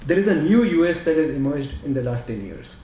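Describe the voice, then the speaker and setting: A man's voice: on the high side, lively intonation, dark tone. Indian-accented man in an echoey room. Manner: fast, repeats "you know". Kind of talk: discussion talk.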